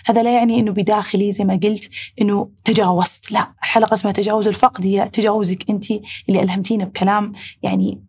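A woman with a Saudi accent hosting a heartfelt talk, reflecting aloud in rushed bursts. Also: medium pitch, flat delivery, darkish tone, slight background noise. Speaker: podcast host.

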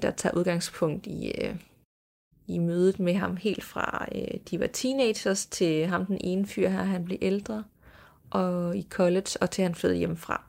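A woman hosting a storytelling podcast, reading eerie first-person accounts aloud in a calm, hushed way, sometimes dropping to a soft whisper. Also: lowish voice, gravelly. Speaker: podcast host.

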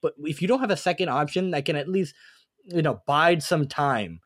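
A man's voice: on the high side, normal speed, a bit bright, no room sound, studio quality. A man co-hosting a sports podcast in casual chat, rambling and thinking aloud as he goes. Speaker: podcast co-host.

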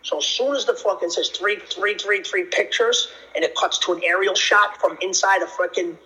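A man's voice: sits high, steady tone, normal speed, bright, forceful tone, poor audio. A man being interviewed, talking casually and bluntly in a brash, hyped-up frat-bro way with frequent swearing. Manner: blunt, opinionated. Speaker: film producer and actor being interviewed.

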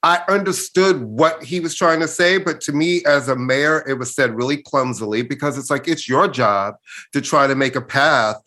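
A man's voice: medium pitch, normal speed, bright, forceful tone. A man, venting casually as a co-host in a blunt, exasperated, sweary way. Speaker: podcast co-host. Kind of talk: casual chat, venting opinions.

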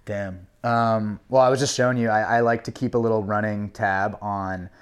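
A man's voice: on the low side, steady tone, normal speed. Chatty young man rambling casually. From New York City. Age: 20s. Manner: rambling, loose and chatty with many likes. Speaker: podcast guest. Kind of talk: casual chat.

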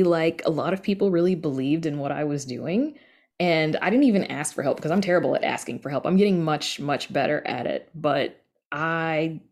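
A middle-aged woman with a deep, slightly mellow voice answers candidly and chattily as a guest in a casual interview. She is a podcast creator.

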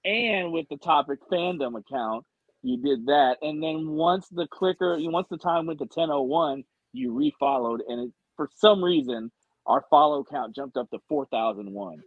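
A man's voice: on the high side, expressive, moderate pace, dry recording. A man co-hosting a podcast in casual, teasing chat. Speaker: podcast co-host. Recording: muffled narrow-band voice audio.

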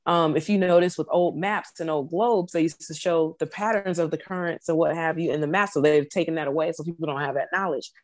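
A woman's voice: low voice, no echo. A woman in casual conversation, explaining her views earnestly and often stopping to restart a phrase.

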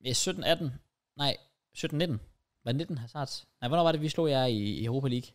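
Male co-host, young adult. Middle register, informal sports talk, slangy and sweary with English borrowings. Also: medium pitch. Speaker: football podcast co-host. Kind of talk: casual football chat.

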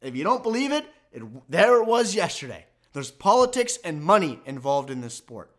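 A man's voice: high-pitched, big pitch swings, moderate pace, a bit bright. A man hosting a sports podcast, ranting emphatically and with exasperation about his team's loss. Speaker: podcast host. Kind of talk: fan sports commentary podcast.

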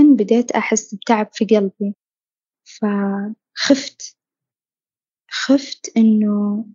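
Woman telling her story, husky and kinda high, dull lo-fi recording. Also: no echo. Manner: reflective, earnest, dropping to soft near-whispers. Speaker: podcast guest sharing her story. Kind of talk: personal storytelling.

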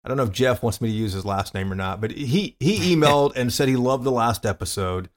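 A man's voice: medium pitch, animated, a little fast. A man co-hosting a casual talk podcast over a video call, often repeating words as he gathers his thoughts. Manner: stammering, repeats words while thinking. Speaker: podcast co-host. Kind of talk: casual chat.

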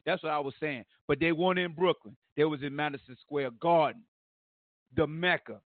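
A hoarse American man hosts a casual sports podcast. His voice sits a little high for a man and is recorded very dry, with a dull lo-fi sound. He talks bluntly and with animation, full of slang and swearing. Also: moderate pace, no room sound. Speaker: podcast host.

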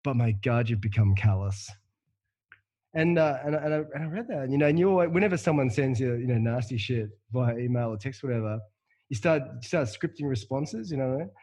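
Brief: husky-voiced man host, blunt, swears freely, stop-start delivery. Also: mid-range voice, darkish tone. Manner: profane, halting, full of fillers and restarts. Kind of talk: casual podcast chat.

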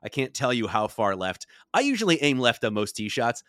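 Animated man telling a golf story. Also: mid-range voice, brisk, no room sound, studio quality. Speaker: podcast co-host. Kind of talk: casual storytelling chat.

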